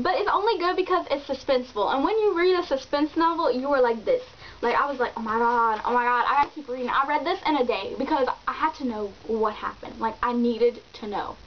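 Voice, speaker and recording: A woman vlogger reviewing books in an animated, chatty way, full of exclamations and fillers. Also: high-pitched. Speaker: book vlogger. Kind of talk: casual book review chat. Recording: dull lo-fi recording with faint hiss.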